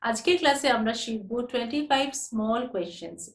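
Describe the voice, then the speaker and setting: A woman with a Bengali accent teaching English, who says each question slowly and with emphasis after giving it in Bengali. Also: fairly high pitch, animated, reverberant. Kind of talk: bilingual language lesson.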